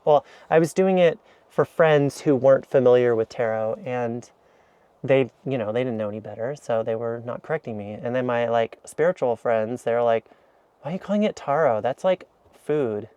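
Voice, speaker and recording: In a mellow, clean mid-range voice with no room sound, a vlogger speaks at a normal pace while showing off his camper van kitchen on an action camera. His walkthrough is casual, chatty, rambling, and full of self-deprecating remarks.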